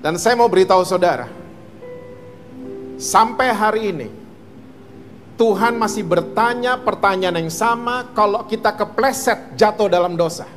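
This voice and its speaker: A man's voice: high-pitched, measured pace, pauses often, a bit bright, in a large hall, soft background music. A male pastor preaching a sermon, mixing in English words and asking his listeners questions. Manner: mixes English words, asks the congregation questions. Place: church hall.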